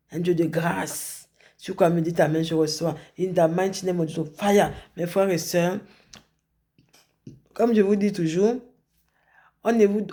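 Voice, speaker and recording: A woman's voice: mid-range voice, warm tone. A middle-aged woman, a prophetess, leading a fervent online deliverance prayer and blessing her followers, repeating her phrases and calling out in English. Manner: repetitive, fervent preaching with English call-outs.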